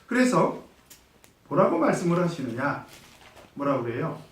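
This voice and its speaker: A man's voice: a little high, very animated, moderate pace, slight background noise. A man, a pastor leading a Bible study, who asks the group questions, answers them himself and acts out the quoted lines. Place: church room. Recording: echoey room, mic at a distance.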